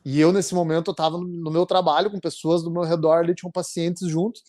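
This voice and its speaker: A man in his forties with a Brazilian Portuguese accent, telling his story as an interview guest in a halting, earnest way with many restarts. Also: fairly high pitch, flat delivery, warm tone. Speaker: interviewee, immigration client. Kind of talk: emotional conversational storytelling.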